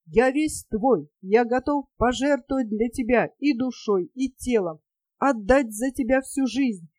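A woman's voice: a little high, measured pace, a little mellow, no echo, natural voice. Brief: woman reading a smug flirtatious captain, glib vows, storybook audiobook. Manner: smooth-talking, self-satisfied, grandly vowing.

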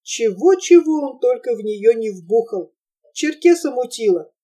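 A woman reads a literary novel aloud with measured, expressive storytelling. Her voice is mellow and warm, and it sits a little high for a woman. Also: distant mic. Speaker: narrator. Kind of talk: literary audiobook narration.

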